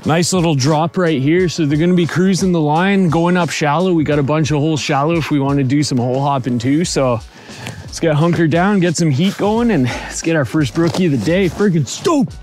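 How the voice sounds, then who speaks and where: A man's voice: a little high, darkish tone. A man in his thirties from Ontario, Canada, hosting an outdoor fishing vlog in an upbeat, chatty way, recorded on a camera mic out on a frozen lake and inside a small tent. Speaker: fishing channel host.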